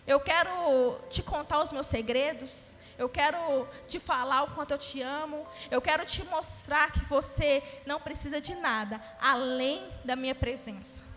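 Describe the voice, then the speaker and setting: Brazilian woman pastor, young adult, high voice, fervent sermon delivery, reverberant church with soft music. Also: measured pace, few pauses. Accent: Brazilian Portuguese. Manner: fervent preaching, acting out quoted prayers. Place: church hall.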